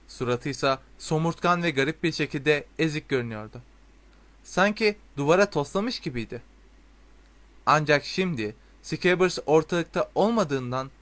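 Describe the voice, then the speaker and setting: A man reading a storybook aloud in a steady, expressive way. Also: medium pitch. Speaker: audiobook narrator. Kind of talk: storybook narration.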